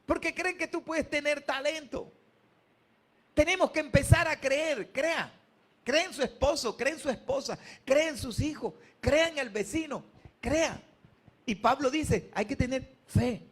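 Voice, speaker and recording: A man's voice: very high-pitched, a little slow. A male pastor preaching a sermon in an emphatic style, calling on the congregation to answer back. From Colombia.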